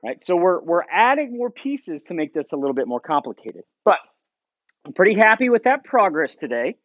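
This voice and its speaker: A man giving a dog training lesson in a shop, calmly explaining between short commands to the dog. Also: high-pitched, normal speed, no room sound, lo-fi sound. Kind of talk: instructional training video. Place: indoor shop.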